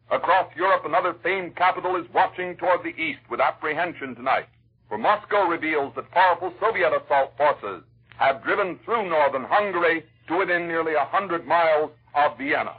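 Husky old-time American radio newscaster. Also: male voice, fairly high pitch. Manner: formal, dramatic delivery. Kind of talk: old 1940s radio announcer reading scripted war news. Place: radio newsroom. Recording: muffled vintage 1940s radio broadcast.

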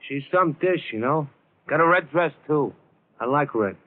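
An actor playing a brutish, boastful young gangster who talks tough street slang, in 1940s radio acting style. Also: male voice, a little high, animated, moderate pace, close to an everyday voice. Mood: swaggering. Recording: tinny 1940s radio broadcast.

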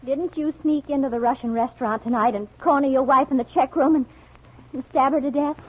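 An actress playing a sharp, composed American amateur detective in a 1940s radio drama, questioning pointedly. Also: female voice, high-pitched, steady tone, brisk. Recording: muffled, scratchy 1940s radio broadcast.

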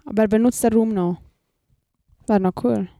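Mellow-voiced Swiss German woman. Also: a little high, fairly even intonation, moderate pace, vocal fry, dry recording, clean studio sound. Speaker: podcast co-host, band member. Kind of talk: casual chat.

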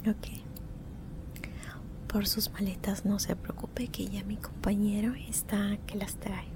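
A woman performs a whispered role-play as an attentive flight attendant. Her soft, breath-only whisper moves slowly and politely, with a clear low rumble behind it. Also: flat delivery. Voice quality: soft, mostly unvoiced whisper. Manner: gentle, attentive, polite service talk with diminutives. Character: courteous, caring business-class flight attendant. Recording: rumbling background noise.

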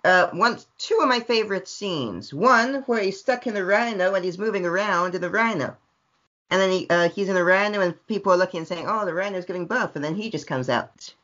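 A man's voice: high-pitched, brisk. A man guesting on a podcast over a video call, talking energetically and repeating himself. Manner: energetic, repetitive, bursts into loud yelps. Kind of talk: casual review chat. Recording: dull lo-fi call audio.

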